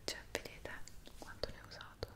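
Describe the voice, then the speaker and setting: A woman whispers a casual, unhurried ASMR chat, very hushed and close to the microphone, pausing to search for words. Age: 20s. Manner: hushed whisper, speaking very softly. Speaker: ASMR creator. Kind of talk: whispered ASMR chat about personal routine. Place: small indoor room. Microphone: two close side microphones in front.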